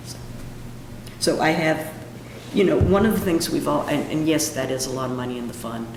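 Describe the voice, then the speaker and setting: A man presents informally at a meeting in a hoarse, froggy voice thickened by a cold. His delivery has a creaky edge, and the room is echoey with clear background noise. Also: on the high side, expressive, moderate pace. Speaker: presenter of a budget request at a town meeting.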